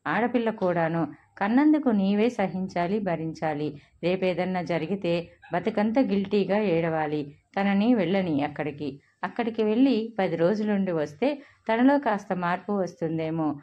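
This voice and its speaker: A woman voicing a calm but firm adult stepfather in a read-aloud Telugu family story. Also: fairly low pitch, moderate pace, lo-fi sound, close to an everyday voice. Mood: soothing.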